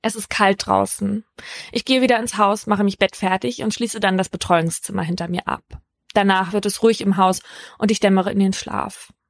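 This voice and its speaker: A woman hosting a true crime podcast, telling a case in a measured, scripted first-person narration. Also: mid-range voice, steady tone, gravelly, no room sound, clean studio sound.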